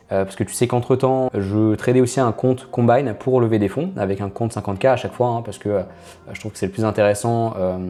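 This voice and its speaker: Over faint soft music, a man who runs a trading channel gives casual screen-share commentary in a low-ish, mellow, darker tone. Chatty and addressing viewers directly, he pauses often and leans on the filler "euh."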